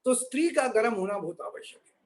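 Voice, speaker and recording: A man, delivering a humorous motivational lecture. He builds jokes on playful wordplay and tends to drop to a softer tone for each punchline. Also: very high-pitched, lively intonation, brisk. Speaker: guest speaker.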